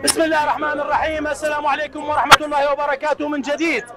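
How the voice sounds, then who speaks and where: High-voiced fast Iraqi reporter. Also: male voice, level tone, loud music behind the voice. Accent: Iraqi Arabic. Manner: brisk, prompting questions. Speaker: field reporter. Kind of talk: live broadcast interview. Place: outdoors at a crowded pilgrimage procession. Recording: crowd noise behind.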